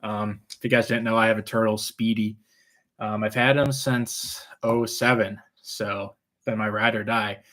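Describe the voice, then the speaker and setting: His voice runs low and a little slow with little pitch movement, yet the tone is fairly bright. He hosts a laid-back, rambling live stream, answering viewers, and his R's sound like W's.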